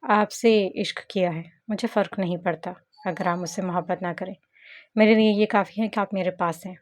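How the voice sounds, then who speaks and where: A woman's voice: mid-range voice, fairly even intonation, moderate pace, close to an everyday voice. Woman reading Adam, a devoted young man. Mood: tender. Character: young man, devoted, patient, quietly loving.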